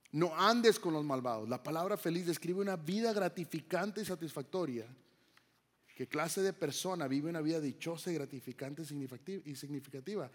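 A man's voice: on the high side, long reverb tail. A man from Mexico preaching a sermon as pastor, conversational, throwing rhetorical questions to the congregation.

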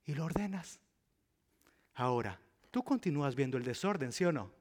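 A man preaching a sermon as pastor, acting out little dialogues, swinging from loud to a whisper. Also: a little high, lively intonation, moderate pace, a little hiss or hum. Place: church with a live audience. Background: soft piano.

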